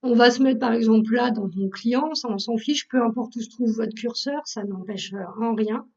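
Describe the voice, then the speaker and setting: In a screen tutorial, a woman who trains people on Google Workspace walks through a software task step by step, using many fillers. Her voice is on the high side and gravelly, at a moderate pace, and the mic is distant with dull audio.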